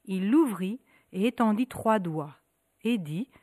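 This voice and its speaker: A woman narrating a folk tale in a rhythmic, repetitive storytelling manner with dramatic pauses. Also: medium pitch, lively intonation, mellow, dry recording, clean studio sound.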